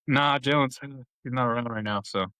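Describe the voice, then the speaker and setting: A young man co-hosting a casual podcast, telling animated stories and giving playful shout-outs. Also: medium pitch, normal speed, clean tone, no echo, low-quality recording. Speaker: podcast co-host.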